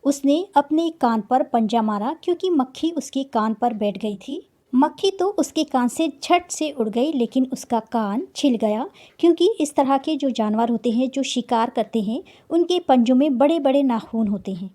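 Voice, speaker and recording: A woman's voice: sits high, animated, normal speed, warm tone. A woman teacher reading a children's story aloud and patiently explaining the meaning of each word.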